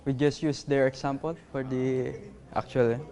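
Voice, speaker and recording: A man presenting a live coding workshop, halting and apologetic, with many fillers. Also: medium pitch, flat delivery, mellow. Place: conference workshop room.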